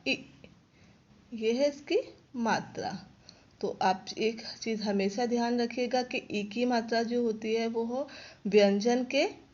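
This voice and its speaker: A female class teacher, giving a slow lesson to young pupils and repeating sounds and words clearly. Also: on the high side, a little mellow. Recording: dull lo-fi recording.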